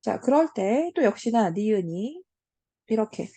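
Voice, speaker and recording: A woman teaching grammar in an online lecture to high school students, often asking "right?" and filling pauses with "so" and "um". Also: big pitch swings, dark tone, no echo. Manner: fills pauses with "자" and "음", asks the class check questions.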